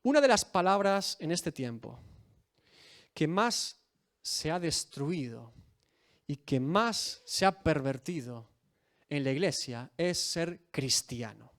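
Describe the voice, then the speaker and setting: A man preaching a sermon in a high voice that swings widely up and down. He peppers his talk with rhetorical questions and dramatic quotes. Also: animated, takes it slowly. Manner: rhetorical questions, dramatic quoting of scripture figures. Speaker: pastor.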